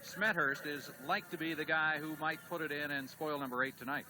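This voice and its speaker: Brief: male color commentator, relaxed, slightly high voice, hissy vintage broadcast. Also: fairly quick. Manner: relaxed, explanatory. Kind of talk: 1970s TV sports analysis. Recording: old TV broadcast with steady noise.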